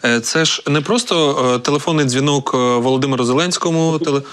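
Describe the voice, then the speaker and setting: A man hosting an interview who talks fast and cuts in politely to press his guest. His voice sits slightly high. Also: fairly bright tone. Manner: quick, interjecting, polite address. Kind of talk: interview questions.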